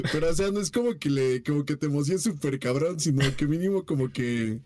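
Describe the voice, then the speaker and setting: A man's voice: fairly high pitch, expressive, normal speed, warm tone. A man with a Mexican accent in casual chat, teasing and pushy, heavy on slang. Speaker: streamer co-host.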